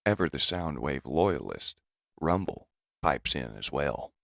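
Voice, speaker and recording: Very deep gravelly male narrator. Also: measured pace, no echo, studio quality. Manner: steady, descriptive storytelling. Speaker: comic reader and narrator. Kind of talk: comic dub narration.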